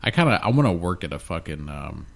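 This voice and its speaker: A man's voice: deep voice, sing-song, fast, vocal fry. A man co-hosting a podcast in casual, profane, rambling chat, sounding a little snotty and nasal, close on a studio mic. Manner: laid-back, profane, rambling. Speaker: podcast co-host. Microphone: studio mic with headphones.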